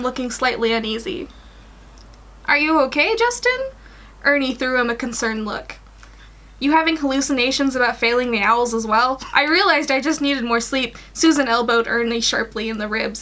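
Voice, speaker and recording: The guest reader, a woman in her twenties, shares a fan story and some informal chat on a fan fiction livestream from a small room at home, her voice high-pitched and sharp.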